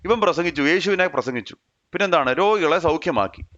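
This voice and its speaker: A man's voice: fairly high pitch, animated, brisk, a bit bright, lo-fi sound. A man with a Kerala Malayalam accent teaching a Bible study, firing off rhetorical questions and pushing his voice up sharply as he presses each point.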